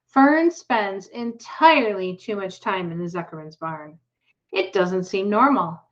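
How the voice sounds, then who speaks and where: A woman's voice: mid-range voice, measured pace, lo-fi sound, natural voice. A woman reading the part of a worried, puzzled farm mother in a storybook.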